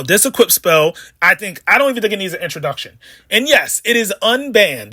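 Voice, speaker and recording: A man's voice: sits high, sharp tone, no room sound, clean studio sound. A man hosting a casual card game deck profile, chatting in a rambling, jokey way with plenty of asides. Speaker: card game video host.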